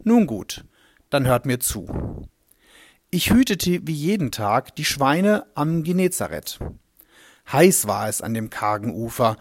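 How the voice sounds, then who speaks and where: A man's voice: medium pitch, no echo. A man playing a humble swineherd who tells his story in a reflective, vivid way. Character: humble male swineherd recalling a strange day. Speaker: first-person narrator. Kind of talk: dramatic storytelling monologue.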